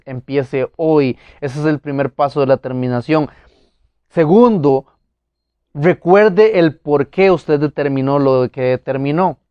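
A man's voice: fairly high pitch, smooth, no room sound, lo-fi sound. A man preaching a motivational sermon, talking earnestly and with emphasis, speaking straight to his listeners.

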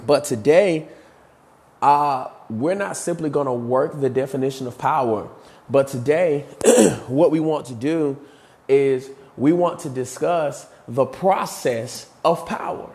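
A man hosts a motivational podcast about leadership, speaking as a coach in an earnest, repetitive preaching rhythm full of fillers. His mid-range voice is a little mellow and his pace is measured, though he sounds slightly out of breath.

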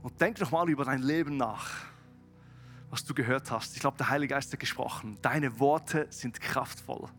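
A man preaching a sermon to his congregation and leading a closing prayer. He moves between quiet, low passages and loud, emphatic rises, speaks straight to his listeners and slips English words into his German. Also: normal speed, faint music behind. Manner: addresses listeners directly and calls out to the congregation. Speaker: pastor. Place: church service, streamed to several sites.

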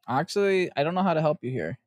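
A man reads out each set of quiz choices and teases his partner, laughing often. His voice sits a little high, and the sound is dry and close. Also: expressive, quick pace, no room sound. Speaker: quiz co-host. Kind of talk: casual chat.

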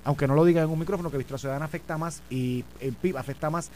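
Fast-talking puerto rican guy hosting a politics show, high voice, faint hum behind, keeps talking over his cohost. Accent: Puerto Rican Spanish. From Puerto Rico. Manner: animated and argumentative, talks over his co-host. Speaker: political talk show host. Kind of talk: political commentary chat.

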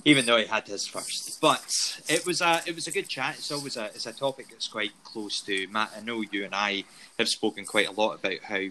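A man's voice: lowish voice, normal speed, noisy background. A Scottish man co-hosting a show in a jokey, upbeat casual chat. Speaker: podcast co-host.

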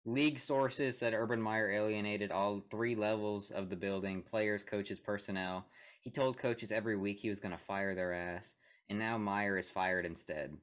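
Brief: young guy, lowish voice, casual sports chat, laughs a lot. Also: fairly even intonation, normal speed, a bit bright. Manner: laughs often, reads statements aloud with asides. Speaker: podcast co-host.

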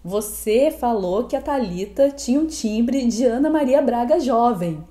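A woman's voice: a little high, expressive, measured pace, mellow. A Brazilian woman co-hosting a podcast in a conversational, earnest and reflective way, choosing her words as she goes. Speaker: podcast co-host, animal protection advocate. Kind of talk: conversational pet podcast talk. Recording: roomy, echoing voice recording.

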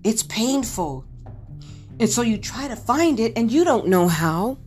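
A woman's voice: a little high, sing-song, measured pace, music in the background. A middle-aged woman hosting a podcast, telling a personal story in an earnest, candid and reflective way. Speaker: podcast host.

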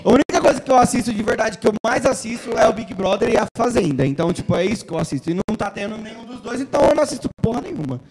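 A man, telling gossipy stories loudly and jokingly in a casual chat. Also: high-pitched, animated, racing, gravelly, few pauses, a crowd in the background. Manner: loud, joking, gossipy storytelling.

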